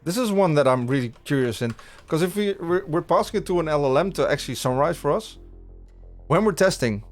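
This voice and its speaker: Over soft background music, a Dutch livestream coding host talks through his plans in a rambling, chatty way, full of restarts and fillers. His voice is a little high, animated and a little fast, captured on a studio podcast mic.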